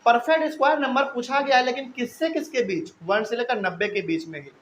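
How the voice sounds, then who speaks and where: A man with a notably high voice teaches a math class, walking through each step and posing questions that he then answers himself. A faint hiss of noise sits under his voice. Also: brisk, fairly bright tone, poor audio.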